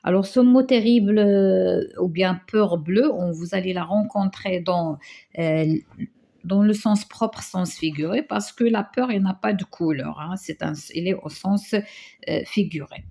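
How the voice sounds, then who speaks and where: A woman teaching a grammar lesson to schoolchildren, reading out examples slowly and hesitating often. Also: mid-range voice, gravelly, warm tone. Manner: slow, stretches example phrases, frequent hesitations. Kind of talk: grammar lesson correcting exercises.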